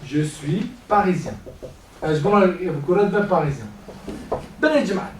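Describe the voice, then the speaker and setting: A man giving an informal French lesson, repeating phrases slowly and mixing in Persian. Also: high-pitched, lively intonation. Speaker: French teacher. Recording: roomy, distant mic with faint noise.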